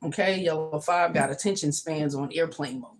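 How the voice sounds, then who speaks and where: Woman livestream host, low register, chatty and emphatic, repeats herself for effect. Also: normal speed, a little hiss or hum, poor audio. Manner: emphatic, repeats her points. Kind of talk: casual livestream monologue. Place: home kitchen.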